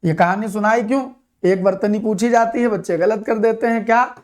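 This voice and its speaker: A male teacher with a fairly high voice explains grammar in an exam-prep lesson. He hammers points home by repeating key words and throwing rhetorical questions at his students. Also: moderate pace, darkish tone. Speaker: Hindi teacher.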